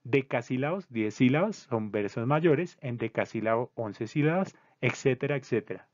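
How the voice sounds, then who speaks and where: A man explains poetic terms like a patient teacher, reading definitions and examples one by one and now and then correcting himself mid-word. His voice sits at a middle pitch. The recording is dry, with almost no room sound, and dull, as if the highs were cut off. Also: lively intonation, darkish tone, dry recording. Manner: measured and didactic, spelling out syllables, with occasional slips and restarts. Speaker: presenter of a literary discussion circle.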